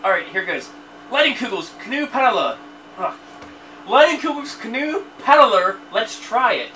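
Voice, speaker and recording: A man's voice: very high-pitched, sing-song, moderate pace, bright, forceful tone. A man in his thirties co-hosting a casual beer review, joking crudely with his friend at a basement bar, picked up by a far camera. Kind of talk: casual chat. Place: dim basement bar, indoors. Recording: distant camera sound with faint noise.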